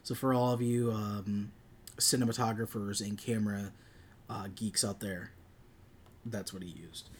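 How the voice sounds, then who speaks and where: A man talking casually about films as a podcast co-host, often halting as he searches for details. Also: on the low side, fairly even intonation, slight background noise. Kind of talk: casual film discussion.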